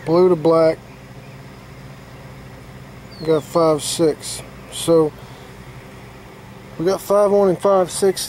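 This HVAC technician demonstrates a hands-on repair outdoors next to an air-conditioning unit, speaking plainly and casually with lots of fillers. His voice is a little high with a darkish tone, and the audio is poor with some hiss or hum.

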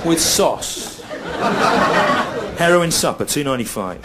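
A middle-aged man performing a stand-up comedy routine on a stage in front of a live audience, with dry, deadpan and repetitive phrasing. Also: on the high side, unhurried, over a noisy crowd. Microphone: stage microphone. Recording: live show recording with audible noise. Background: audience laughter.

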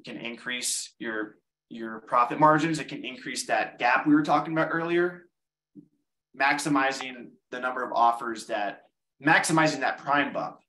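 A man's voice: mid-range voice, fairly bright tone, rough recording. Casual man teaching a live webinar. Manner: casual, repeats words while explaining. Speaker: online seller giving a webinar.

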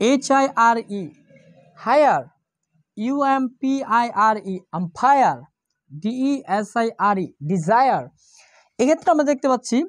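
A woman's voice: on the high side, no room sound, clean studio sound. A woman teaching English pronunciation in a lesson. She spells out words letter by letter and asks questions that she answers herself. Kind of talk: spoken language lesson.

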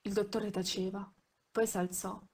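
Woman reading a novel in a flat voice. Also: medium pitch. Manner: measured, with small slips and self-corrections. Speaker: audiobook reader.

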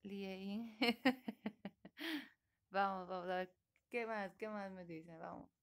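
A woman's voice: medium pitch, fairly even intonation, slow pace. A woman teaching an online class, patiently prompting her students and coaxing them to answer. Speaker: English teacher.

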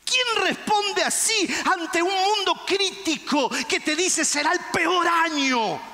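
Fervent high-voiced male preacher. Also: slow pace, long reverb tail. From Argentina. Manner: fervent preaching, shouts and acted-out quotes. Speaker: pastor. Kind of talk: sermon.

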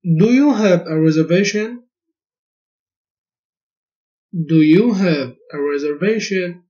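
A man teaching a language lesson, saying each short phrase twice in a clear, deliberate drill. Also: high voice, mellow. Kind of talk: slow repeated phrase drill. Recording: dull lo-fi recording.

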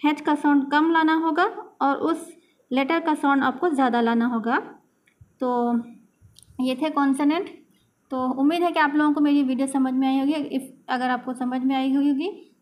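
Woman, high voice, slow tutorial talk, repeats each sound. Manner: slow, repetitive, pausing to sound out letters. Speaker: language teacher. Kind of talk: casual tutorial explanation.

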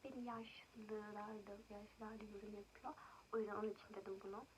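A young woman vlogger chatting casually while doing her makeup, venting indignantly and often dropping into soft whispers. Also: mid-range voice, level tone, a little fast, slight background noise, rough recording. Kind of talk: casual makeup vlog chat.

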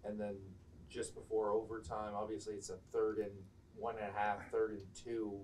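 Male reporter, low flat voice, off-mic, faint room noise behind. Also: moderate pace, distant mic, rough recording. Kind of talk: press conference questions.

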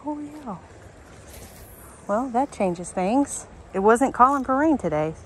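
A woman, chatting excitedly to viewers while filming a fishing trip outdoors on a rocky riverbank. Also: fairly high pitch, slow, a little hiss or hum. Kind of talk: casual outdoor vlog narration. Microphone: action camera worn on the body. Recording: background music over outdoor audio.

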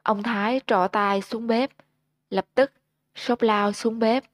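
A woman host narrating a ghost story in a steady, measured storytelling manner, on a close mic. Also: a little high, dry recording.

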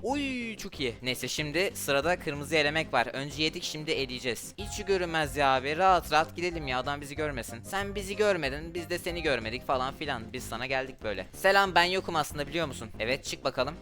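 A man giving excited gameplay commentary from home, trash-talking opponents and talking to his viewers. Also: fairly high pitch, fast talker, hardly any pauses, soft background music. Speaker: gaming YouTuber.

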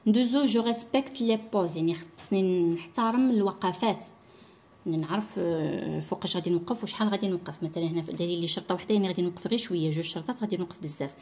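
With a lowish, darkish voice, a young Moroccan-accented woman gives an online primary French lesson, using Darija for explanations and reading the French slowly, one syllable at a time.

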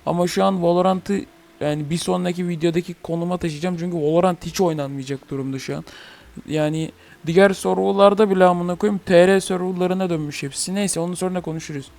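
A young man vents about an online game in a casual, heated rant, swearing often as he talks straight to his viewers. His voice sits high for a man and has a gravelly, fry-laden texture. He speaks into a desk microphone. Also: fairly even intonation, quick pace, darkish tone. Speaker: gaming channel host.

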